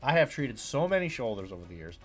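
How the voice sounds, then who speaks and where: A man's voice: mid-range voice, very animated, fast talker, faint music behind. A man, a chiropractor hosting his own podcast, talking in a casual rambling monologue full of fillers and acted-out patient quotes.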